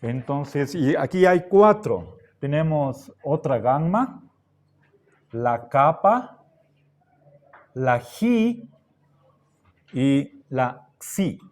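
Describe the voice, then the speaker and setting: Man, classroom lecture, slow and deliberate, slightly raised voice. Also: a little high, very animated. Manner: slow, patient, checks in with frequent "¿sí?" and "¿ya?". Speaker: philosophy teacher.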